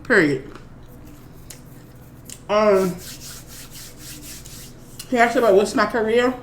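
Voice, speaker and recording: Taking it slowly in a mid-range voice, this Maryland woman in her thirties answers viewer questions on her eating show from home. She's relaxed and chatty, wandering off topic with plenty of fillers. Faint noise and room echo come through on the recording.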